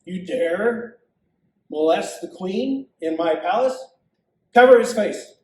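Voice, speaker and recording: Imperious ancient king, as a preacher plays him, raised and booming, heard in an echoey church from a distance. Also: lively intonation, a little slow, a little mellow. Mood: furious. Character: ancient Persian king, commanding and grand.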